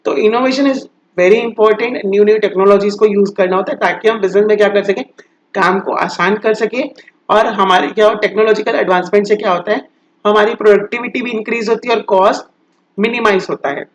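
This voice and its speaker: A male commerce teacher giving a lecture. He explains step by step, often asks a question and then answers it himself, and reads out English definitions slowly, as if dictating. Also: sits high, fairly even intonation, a little hiss or hum. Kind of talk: recorded classroom lecture. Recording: dull lo-fi sound.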